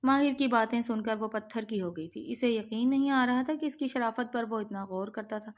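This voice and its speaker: A woman reads a dark romance novel aloud in a steady, measured storytelling manner. Her voice sits fairly high. The delivery stays even and scripted throughout. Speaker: audiobook narrator.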